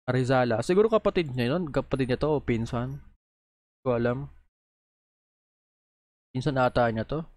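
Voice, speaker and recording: A man's voice: medium pitch, normal speed, pauses often, darkish tone, dry recording. A man reacting on video in a heated, profane, scolding rant, talking straight into a close microphone. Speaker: video creator reacting to posts.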